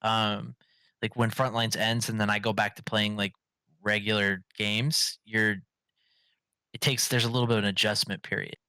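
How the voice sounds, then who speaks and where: A man's voice: on the low side, flat delivery, moderate pace, sharp tone, clean tone, no echo. A man hosting a casual gaming podcast, rambling with many fillers and restarts. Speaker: podcast host.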